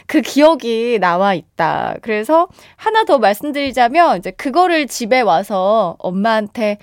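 A woman radio DJ chatting and reading listener messages, animated and laughing often, on a close studio mic. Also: a little high, a little slow, no room sound.

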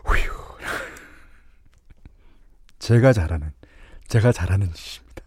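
A man's voice: sits low, lively intonation, slow pace, a little mellow, slightly rough, no room sound, studio quality. A middle-aged man hosting a radio music show, reading listener messages in a chatty, playful way.

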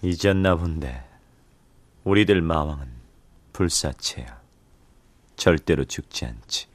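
Deep, cool demon king. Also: expressive, slow pace, a little hiss or hum, full character voice. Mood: cool, assured. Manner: terse, authoritative, cool. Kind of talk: dramatized comic audio acting.

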